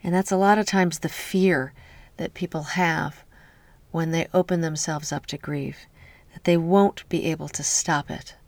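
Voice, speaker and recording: A woman leading a guided healing meditation in a soft, slow voice that often drops to a whisper, speaking close to the mic. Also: deep voice, fairly even intonation, no room sound.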